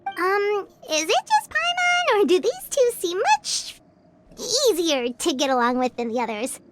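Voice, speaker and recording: A woman voicing Paimon, a tiny cheerful floating girl companion who is bubbly and excitable, in a video game. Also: extremely high pitch, measured pace, very noisy, full character voice. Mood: chatty. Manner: bubbly, excitable, blurts things out.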